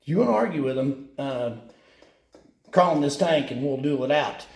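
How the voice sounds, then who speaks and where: A man's voice: lively intonation, normal speed, creaky, darkish tone. Folksy man echoing inside a tank. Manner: folksy, self-mocking, jokey. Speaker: real estate agent. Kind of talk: casual video monologue. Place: inside an empty steel milk tank. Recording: boomy echo inside a metal tank.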